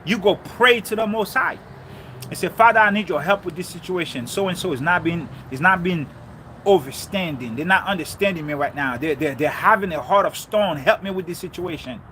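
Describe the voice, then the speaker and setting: Repeating his main points for emphasis, a man from Haiti preaches passionately about faith and relationships. He speaks at normal speed in a high, sharp voice, with a little background noise.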